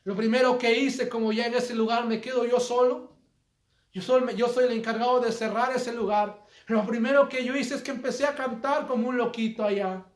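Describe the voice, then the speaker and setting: Pastor guy, high voice, earnest, talking straight to ppl, roomy church echo. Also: fairly even intonation, moderate pace. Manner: earnest, direct appeals to the listener. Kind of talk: sermon.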